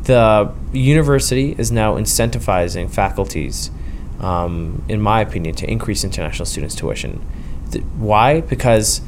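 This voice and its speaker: A man's voice: lowish voice, a little hiss or hum. A young man, a student union president, explaining in an interview with frequent ums and tag questions.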